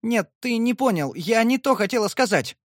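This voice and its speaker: A man voicing a defensive, quick-tempered young woman who shouts sharp retorts. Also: very high voice, animated, no echo, clean studio sound, pitched above the performer's own voice. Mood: outraged.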